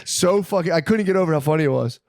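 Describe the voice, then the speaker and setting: A man's voice: on the high side, quick pace, dry recording. Man, podcast co-host, casual comedic storyteller, acts out quotes, sweary, dry close sound. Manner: animated retelling with acted-out quotes, frequent swearing.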